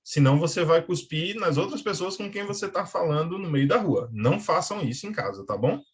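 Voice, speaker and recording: Husky, upbeat English teacher. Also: male voice, fairly high pitch, expressive. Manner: upbeat and encouraging, repeats words slowly for learners. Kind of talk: quick language tip on a TV show. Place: TV studio.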